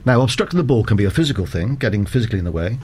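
A man working as a cricket umpire, explaining rules in a measured, formal way as an interview guest. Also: lowish voice, very animated, a little mellow, slight background noise. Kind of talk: conversational interview.

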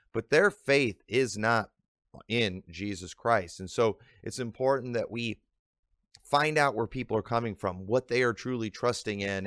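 Earnest pastor talking prophecy. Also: male voice, on the low side, dry recording, clean studio sound. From Illinois. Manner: earnest, with frequent restarts and drawn-out emphasis. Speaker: pastor and podcast host. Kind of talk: conversational teaching monologue.

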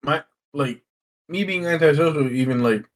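A young man co-hosting a podcast, chatting casually with friends in loud, matey, sweary banter. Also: a little high, normal speed. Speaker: podcast co-host. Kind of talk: casual chat among friends.

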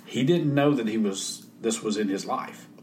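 A middle-aged man with a somewhat low voice, talking casually about faith. He tells folksy stories and drops softly into quoted speech. A faint hiss of noise sits under him. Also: moderate pace. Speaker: guest.

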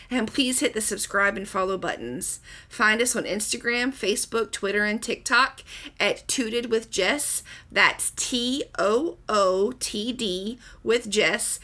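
A woman's voice: medium pitch, sharp tone. A woman hosting a podcast, talking casually as she explains things. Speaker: podcast host.

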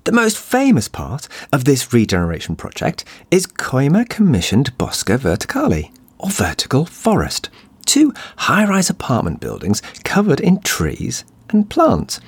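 A man narrates a podcast from a script in a croaky, hoarse voice. His pitch swings widely as he reads, breaking up with huskiness. The sound is dry and close, with faint music. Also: huge pitch swings, a little slow, no room sound. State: hoarse from shouting. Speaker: podcast host.

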